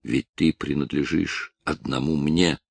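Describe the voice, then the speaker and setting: A man's voice: very deep voice, fairly even intonation, measured pace, creaky, full character voice. A man voicing an obsessive, possessive villain who threatens a young woman, in a menacing, insistent manner. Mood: threatening.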